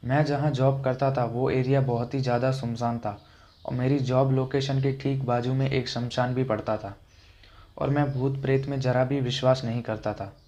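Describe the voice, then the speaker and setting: Male narrator, first-person horror account, monotone delivery, dull lo-fi sound. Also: mid-range voice, normal speed.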